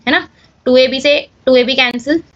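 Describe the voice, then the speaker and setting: A woman's voice: sits high, moderate pace, a bit bright, dry recording, muffled recording. A woman teaching maths step by step in a casual manner, often checking in with viewers. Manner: casual, addresses viewers as guys, checks with "clear?".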